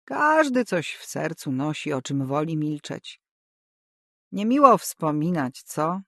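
A woman reading an audiobook, voicing a curious, nosy middle-aged landlady in a raised, louder voice. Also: big pitch swings, slow, no echo, clean studio sound, full character voice. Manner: prying, high and loud.

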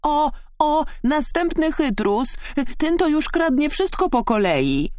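A man voicing a chorus of jolly frogs who croak and mock. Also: very high-pitched, sing-song, slow, darkish tone, no room sound, pitched above the performer's own voice, exaggerated voice. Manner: croaking, mocking laughter.

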